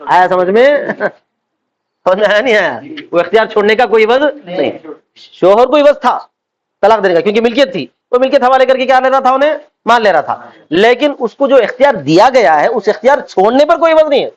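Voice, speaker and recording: A man's voice: sits high, expressive. A man teaching a religious law class, constantly asking his students whether they follow and acting out quoted speech. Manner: asks students constant check questions; acts out quoted speech in everyday voices. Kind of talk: classroom lecture on Islamic law. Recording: dull lo-fi lecture recording.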